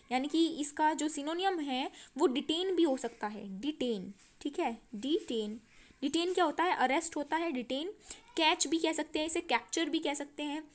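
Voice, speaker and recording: A woman teaching English vocabulary in Hindi, explaining slowly and repeating words, often checking with her students. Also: high-pitched. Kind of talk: vocabulary lesson.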